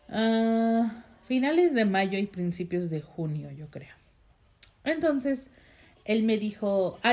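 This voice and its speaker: A woman's voice: mid-range voice, dark tone. A woman chatting casually to her viewers, telling a personal story in a rambling way with fillers and laughs at herself. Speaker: vlogger.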